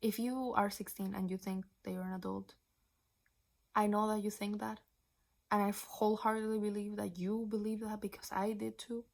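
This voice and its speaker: A nineteen-year-old woman from Venezuela chatting casually as a book vlogger, rambling with restarts and slipping into breathy whispered asides. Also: medium pitch, little pitch movement, moderate pace, a little mellow. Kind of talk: casual chat.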